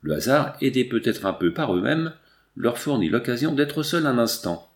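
A man narrating a nineteenth-century novel as an audiobook, in a measured, expressive reading. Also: medium pitch.

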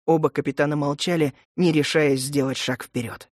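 A man narrating an audiobook in an even, measured reading. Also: a little high, no echo, clean studio sound.

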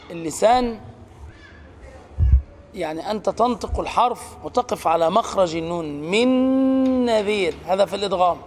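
A man teaching the rules of Quran recitation, explaining slowly and stretching out words and sounds to demonstrate them. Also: sits high, darkish tone, a little hiss or hum. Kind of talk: tajweed lesson.

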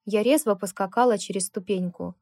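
A woman's voice: a little fast, dry recording, studio quality. A woman narrating a first-person novel as an audiobook, giving the characters their own voices. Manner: voices characters with raised pitch and loudness.

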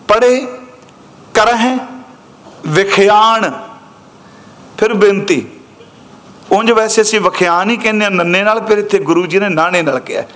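Speaking straight to his audience, a man delivers katha-style scripture commentary as a Sikh preacher. His voice sits high with a slight brightness; quoted verses are chanted slowly, then unpacked at a brisker pace.

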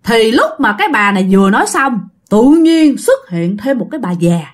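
A woman's voice: fairly high pitch, normal speed. A middle-aged woman with a Southern Vietnamese accent, telling a ghost story and talking straight to her listeners. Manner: animated, addresses listeners directly.

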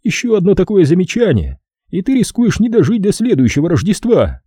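A man's voice: high-pitched, fairly quick, husky, no echo, clean studio sound, voice pushed up, full character voice. A man doing a menacing casino boss, raised voice. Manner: calm, menacing and curt. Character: cold domineering male casino boss.

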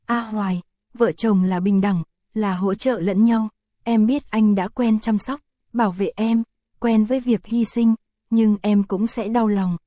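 A woman voicing an affectionate, pouty young man in an audio story, read in a soft, even voice. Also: mid-range voice, unhurried, dry recording, natural voice. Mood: earnest.

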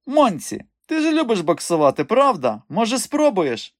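A man's voice: high-pitched, wildly swooping pitch, no room sound, studio quality, voice pushed up. A man doing a cocky young trickster. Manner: raised, cocky, quick-witted. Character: cheeky young man, smooth-talking trickster.

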